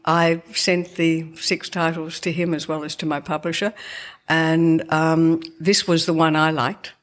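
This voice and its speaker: A woman's voice: deep voice, flat delivery, unhurried. A woman with slushy, sh-like s sounds, speaking as a novelist in a conversational, reflective and digressive talk to an audience about her book.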